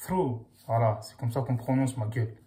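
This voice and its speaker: A man's voice: medium pitch, steady tone, quick pace, dark tone. A young man, chatting casually to camera in loose, slangy speech full of fillers. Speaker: vlogger.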